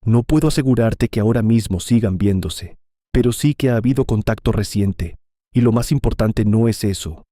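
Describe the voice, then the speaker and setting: A man's voice: lowish voice, moderate pace, dark tone, no echo, natural voice. A man voicing a discreet, matter-of-fact male investigator in a storybook. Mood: cautious.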